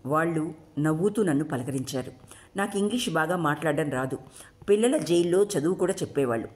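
A woman storyteller reading a short story aloud in an expressive way. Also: sits low, brisk.

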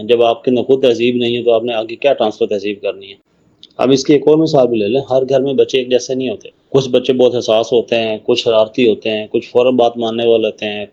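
Man, mellow tone, casual parenting talk, dull lo-fi recording. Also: mid-range voice. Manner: conversational, acts out scolding parents. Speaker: parenting speaker.

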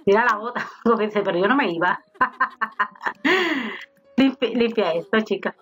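A woman's voice: mid-range voice, fast, slightly rough. A woman giving casual let's-play commentary, chatting to her game characters as she plays. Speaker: gaming YouTuber. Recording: slightly dull home recording with faint game music. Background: faint game music.

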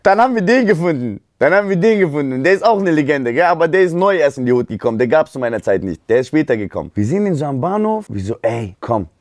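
A man from Germany, telling stories on a livestream in an animated, slang-heavy way. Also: a little high, fast, hardly any pauses, no room sound, clean studio sound, soft background music. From Speyer area, southwest Germany. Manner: animated, street slang, frequent "Bruder" and "gell". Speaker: streamer and rapper. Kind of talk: casual livestream storytelling.

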